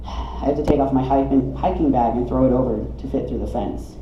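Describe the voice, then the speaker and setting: The southeastern American man keeps a brisk pace in his mid-range voice as he reads his comic memoir live at a coffee shop event, playing up the drama and wry humor. Sound is muffled and echoey, with some noise present.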